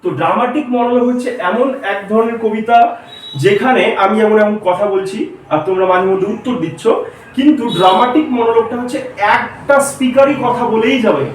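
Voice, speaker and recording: A male teacher lectures a class, explaining each point slowly and stopping to quiz his students. His voice sits high and carries a heavy room echo. He sounds some distance from the microphone. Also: slight background noise. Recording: echoey room, mic far off.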